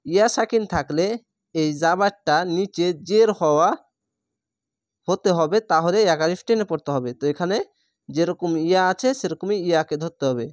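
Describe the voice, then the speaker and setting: A man's voice: fairly high pitch, normal speed, dry recording, studio quality. A man teaching Quran reading, spelling out each letter and vowel mark one syllable at a time before reading the whole word.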